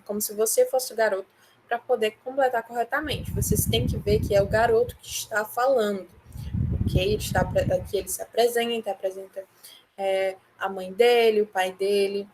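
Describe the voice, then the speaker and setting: A woman's voice: fairly high pitch, background noise. A woman with a Brazilian Portuguese accent, an English teacher giving an online class, patiently explaining step by step and often checking in with the students.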